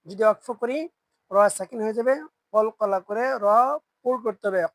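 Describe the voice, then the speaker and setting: A Quran reading teacher with a Bangladeshi Bengali accent who spells each word letter by letter, chants it slowly and asks learners to repeat after them. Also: mid-range voice, steady tone, no echo, low-quality recording. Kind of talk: slow spelled-out recitation lesson.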